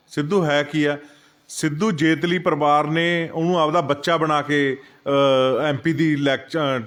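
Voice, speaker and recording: A man, a party leader answering political questions in a heated, emphatic way. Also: fairly high pitch. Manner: heated, emphatic, acts out what others say. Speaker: senior party leader, interviewee. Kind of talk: political interview.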